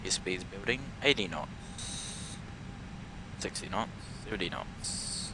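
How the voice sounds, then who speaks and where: Low-voiced man making pilot headset callouts. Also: takes it slowly. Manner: terse clipped callouts. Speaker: virtual airline pilot in a flight simulator. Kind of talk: pilot radio calls and cockpit callouts on a headset. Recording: steady background noise hum.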